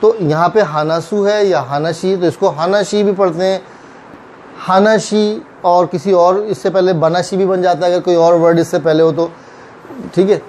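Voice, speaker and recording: A man teaching a kanji lesson, explaining slowly and patiently and repeating each reading. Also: high-pitched, fairly even intonation, a little mellow, a little hiss or hum, rough recording. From Pakistan. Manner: slow, patient, repeats words, checks in with "theek hai". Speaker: Japanese language teacher.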